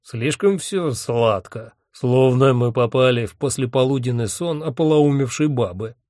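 A man voicing a haughty, gruff old male Norse god in an audiobook, speaking slowly and scornfully with a lordly air. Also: medium pitch, a little mellow, no room sound, studio quality, lightly acted. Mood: haughty disdain. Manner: slow, scornful, lordly delivery. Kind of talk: audiobook character voice.

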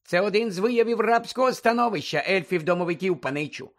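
A man puts on a high, squeaky house-elf, servile and bursting with joy, who speaks of himself in the third person. His voice sits much higher than the narrator's and comes out loud and excited. It is an audiobook character voice. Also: fast. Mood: eager. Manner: talks of himself in third person, keeps saying "sir".

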